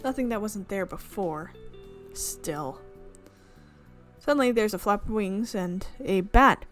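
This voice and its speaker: A woman reads a visual novel's narration slowly in a medium-pitched, fairly bright voice, hosting a gaming video. Soft music plays as she often stops to correct her slips.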